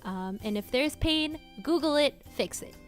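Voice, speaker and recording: Giggly, scattered woman streamer, pitched a bit high, with soft music behind her. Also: expressive, unhurried. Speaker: cover singer and streamer. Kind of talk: casual livestream Q&A.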